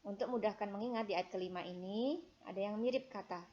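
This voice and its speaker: A woman with an Indonesian accent teaching children Quran reading, over-enunciating in instruction and drawn-out melodic recitation, in a dull recording. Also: medium pitch, dark tone, slight background noise.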